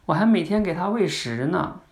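Guy doing a tiny sad girl, begging and insisting, pitched way up, a bit gravelly. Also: expressive, normal speed. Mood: wistful. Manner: pleading, insistent. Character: small girl about four, grieving her pet.

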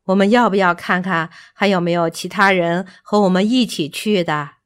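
A woman doing a gentle dreamy giraffe. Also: lowish voice, moderate pace, smooth, close to an everyday voice. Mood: hopeful.

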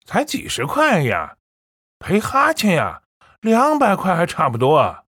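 A woman's voice: fairly low pitch, wildly swooping pitch, slow, fairly bright tone, husky, no echo, studio quality, exaggerated voice. A woman voicing a crooked-headed male street thug who sneers and jeers, in an audiobook reading. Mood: jeering. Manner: sneering, jeering. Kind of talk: audiobook character voice.

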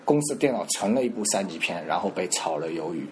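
A man's voice: sits low, animated, fast talker, a little hiss or hum. A man with a Shanghainese accent, teaching the dialect in a playful, joking casual chat.

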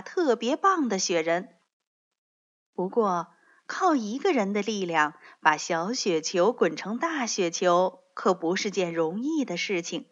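A woman narrating a children's story in a gentle, expressive way. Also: mid-range voice. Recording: dull lo-fi recording.

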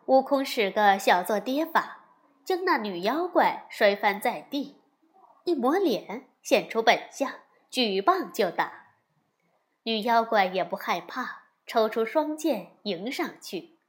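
A woman telling a classic story to young listeners in an expressive narration. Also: fairly high pitch. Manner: slow, expressive, lively storytelling.

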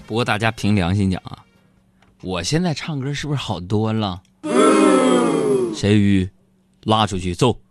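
A man hosting a radio show, joking through a playful, self-mocking monologue that sometimes stammers when he gets excited. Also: lowish voice, a little slow, long pauses, over loud music. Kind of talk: comic monologue.

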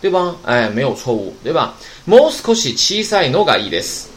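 A man's voice: medium pitch, sing-song, fast talker. A man teaching a Japanese grammar lesson in Chinese, explaining step by step and often asking rhetorical questions to check understanding.

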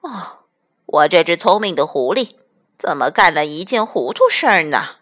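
A woman's voice: fairly low pitch, sing-song, normal speed, fairly bright tone. A woman voicing a clever, hungry male fox for a storybook, stammering and musing aloud to himself. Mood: wry musing. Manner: stammering and sighing, talking to himself.

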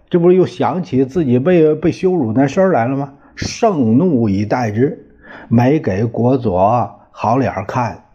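Slow, husky male storyteller. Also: medium pitch, dark tone. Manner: chatty, hesitant, full of fillers and asides. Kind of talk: casual storytelling retelling of a classic novel. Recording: dull lo-fi recording.

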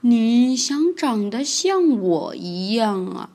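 A woman voicing a big tyrannosaurus who turns into a gentle father, speaking in a gruff, drawn-out way. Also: on the high side, big pitch swings, full character voice.

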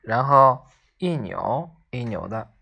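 Slow low-voiced woman reading a story. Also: expressive, creaky, a bit bright, breathy edge.

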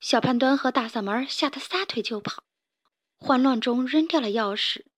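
A woman narrating a children's story in a gentle, clear storytelling voice. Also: high-pitched, moderate pace.

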